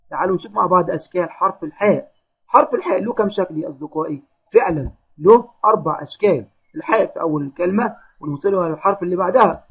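Man, Egyptian accent, high husky voice, patient children's teacher, dull lo-fi sound. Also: a bit bright. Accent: Egyptian Arabic. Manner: encouraging, drawn-out syllable drills. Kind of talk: children's phonics lesson. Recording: dull lo-fi lesson audio.

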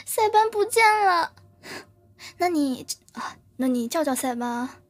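A woman's voice: high voice, animated, a little slow. A woman streamer chatting casually and playfully with her live viewers, often giggling and thanking them.

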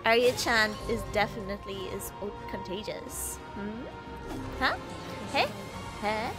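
This is casual livestream chat from a woman playing a game, sniffly and teasing her viewers with plenty of playful profanity. Her medium-pitched voice runs a little slow, with music in the background and a rough recording quality.

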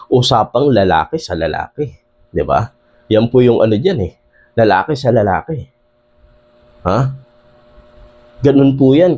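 Filipino guy ranting about politics to his viewers, warm low-key tone, lots of "di ba?" style asides. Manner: animated, addresses viewers often, frequent fillers and rhetorical questions. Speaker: political commentator. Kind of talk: casual political commentary.

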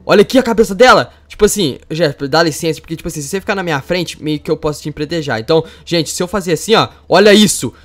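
A man with a Brazilian Portuguese accent hosting a Minecraft let's play, excitable and jumping to loud squeals when startled. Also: fairly high pitch, very fast, few pauses. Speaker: gaming youtuber host.

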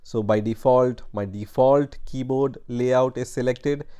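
A tutorial host narrates a step-by-step computer lesson over a screen recording, explaining things plainly with frequent pauses and checks of "right?" His voice is medium in pitch, warm and clean.

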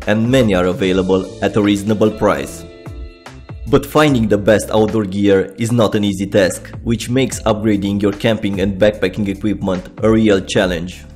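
A man with a fairly low voice delivers scripted narration in a measured, steady way. Light music plays beneath him. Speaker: video narrator. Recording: voice-over with light music underneath.

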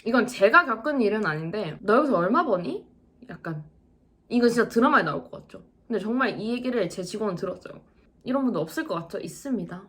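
A woman in her twenties telling a vlog story about her service job, acting out customers' lines in an animated way. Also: medium pitch, fast. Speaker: vlogger, service worker. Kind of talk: casual storytelling to camera.

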